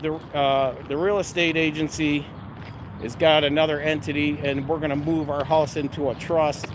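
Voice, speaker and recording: A man's voice: fairly high pitch, little pitch movement, normal speed. A middle-aged man talking casually in a rambling vlog, with a blunt, salty, abrasive manner. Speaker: vlogger. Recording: noisy outdoor or vehicle ambience.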